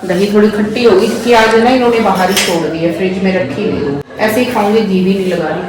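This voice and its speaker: A woman's voice: medium pitch, fast. Woman vlogger, casual chatty delivery; echoey, noisy home recording. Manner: chatty, rambling, addresses viewers as guys. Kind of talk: casual chat to camera. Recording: very echoey room with noise.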